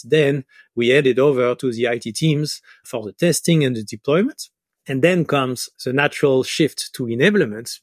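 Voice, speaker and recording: Appearing as a podcast guest, a French business software advisor in middle age explains his answers in a conversational interview. He speaks in a medium-pitched voice with his French accent, recorded at studio quality with no room sound.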